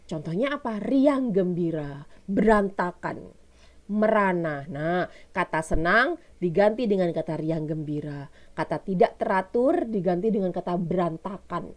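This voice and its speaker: A woman's voice: on the low side, expressive, measured pace. A woman teacher with an Indonesian accent giving a recorded lesson, explaining step by step and asking her pupils questions she answers herself.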